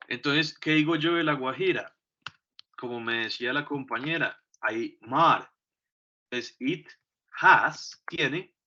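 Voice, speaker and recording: A man with a Colombian Spanish accent gives a classroom English lesson at an unhurried pace. His voice is bright and forward. He explains patiently, checking that everyone follows, and the recording is dull and lo-fi. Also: on the high side. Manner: patient, explains step by step, often checks in with "listo". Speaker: English teacher.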